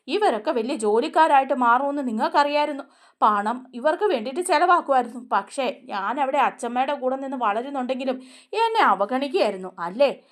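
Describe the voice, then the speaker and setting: A woman voicing a drunk, hurt son who pleads slowly and tearfully about being left out. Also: sits high. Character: grieving drunk man, hurt middle son.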